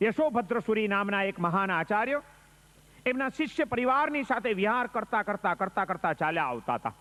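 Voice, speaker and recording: High-voiced male preacher in echoing hall. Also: sing-song, fairly quick, a bit bright. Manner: dramatic, rising emphatic storytelling. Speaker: Jain monk preacher. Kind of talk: sermon with storytelling.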